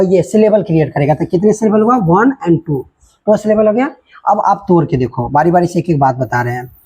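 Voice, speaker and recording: Male teacher, husky tone, patient explanatory delivery to students. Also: sits high, a little mellow. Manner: explanatory, addresses students directly. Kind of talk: classroom lesson explanation.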